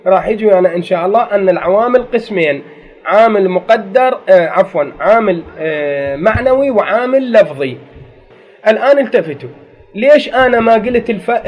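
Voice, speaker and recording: A man with an Iraqi accent lecturing a class on grammar, asking questions and answering them himself. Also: sits high. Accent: Iraqi Arabic. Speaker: grammar teacher. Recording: dull lo-fi recording.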